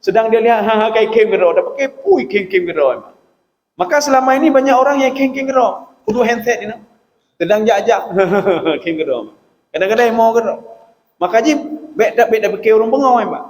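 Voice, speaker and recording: High-voiced preacher in an echoing hall. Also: male voice, a little fast. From Aceh, Indonesia. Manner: animated, keeps addressing listeners as "Pak". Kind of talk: sermon. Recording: echoey hall with long reverb.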